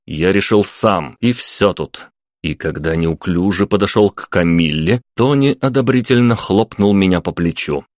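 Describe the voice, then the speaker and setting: A man giving a steady, even first-person audiobook narration. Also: deep voice, moderate pace, no room sound, clean studio sound.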